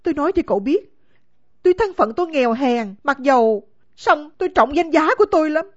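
A woman's voice: sits high, expressive, brisk. A woman voicing a poor but proud young female servant in an audiobook, speaking firmly and indignantly, in a dull, lo-fi recording. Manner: firm, indignant. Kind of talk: audiobook character acting.

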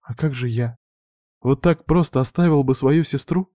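A man's voice: mid-range voice, normal speed, warm tone, no room sound, studio quality, voice pushed up, natural voice. A man voicing a worried young woman scolding her younger brother in a pleading, upset way.

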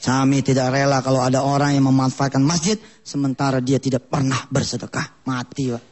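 A man preaching a lively sermon in a mosque, acting out scenes and jumping his voice up and down for different characters. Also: fairly quick. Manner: animated, voices characters with sudden pitch jumps.

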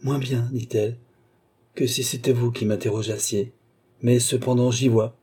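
A man voicing a young noblewoman speaking from a trance in halting, dreamy replies, in an audiobook reading. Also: mid-range voice, steady tone, warm tone, slightly rough, voice pushed up, lightly acted. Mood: entranced.

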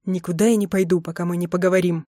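A woman reading the part of a calm young husband who coaxes and teases his wife, in a slightly lower voice than her narration. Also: fast talker, dry recording, studio quality, natural voice. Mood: coaxing. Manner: unruffled, coaxing.

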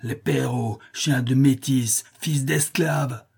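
A man voicing a commanding hacienda master who shouts orders to his men. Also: mid-range voice, steady tone, slow, gravelly, slightly rough, full character voice. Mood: scornful.

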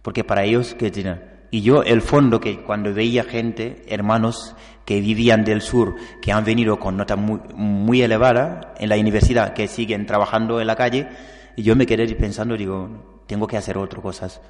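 Low-voiced man from Senegal in a hall. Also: fairly even intonation, a little mellow. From Casamance, southern Senegal. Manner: halting, searching for words, frequent restarts. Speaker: invited speaker telling his migration story. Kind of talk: public talk, personal testimony. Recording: long hall reverb.

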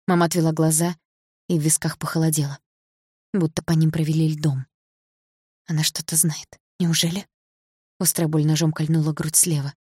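Husky low-voiced woman narrating a drama. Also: flat delivery, normal speed, long pauses, mellow, no echo, clean studio sound. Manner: intense, emotional storytelling. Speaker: audiobook narrator. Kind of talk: first-person dramatic audiobook narration.

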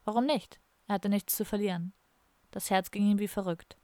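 Ruhige Hörbuch-Erzählerin. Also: female voice, mid-range voice, fairly even intonation, moderate pace, mellow, no echo. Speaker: audiobook narrator. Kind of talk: scripted narration.

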